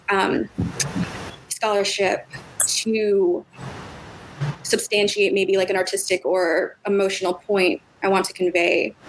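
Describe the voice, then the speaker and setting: A woman's voice: medium pitch, a little hiss or hum, low-quality recording. A woman speaking earnestly and reflectively as a panelist in a live discussion over a video call. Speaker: panelist and playlist co-curator.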